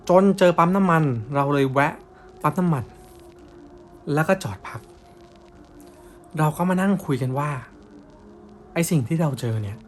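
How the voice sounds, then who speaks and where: A young man telling a ghost story in blunt, casual, slangy talk. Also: a little high.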